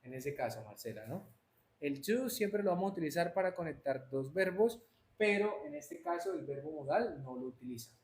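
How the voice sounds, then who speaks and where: Teaching an English class live online, a man answers students by name and moves between Spanish and English. His voice is fairly high and animated at a moderate pace, with roomy echo and faint noise in the audio.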